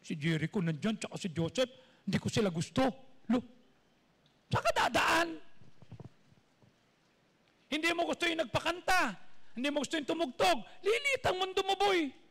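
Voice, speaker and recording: A man's voice: extremely high pitch, big pitch swings, normal speed, pauses often, a bit bright. A middle-aged Filipino man preaching a sermon as pastor, with repetitive rhetorical calls to his congregation. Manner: preaches in mixed Tagalog and English, repetitive calls.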